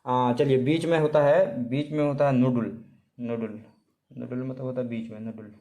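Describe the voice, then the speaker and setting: A man giving a casual spoken language lesson, repeating each word slowly and pausing on fillers. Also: medium pitch, steady tone, dark tone. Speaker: language teacher.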